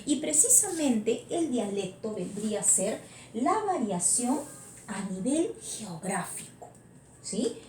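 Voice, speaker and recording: Peruvian woman teacher, Lima accent, lively pitch, mellow tone, roomy echo, keeps asking students questions. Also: slow pace, slight background noise. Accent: Lima Peruvian Spanish. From Peru. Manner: asks frequent check-in questions. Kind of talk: online class lecture.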